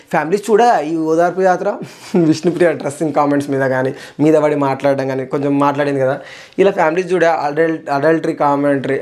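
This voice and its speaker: A young man, casually reviewing a reality show episode and acting out what the contestants said. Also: fairly high pitch. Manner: animated, acts out quotes, laughs, code-switches into English.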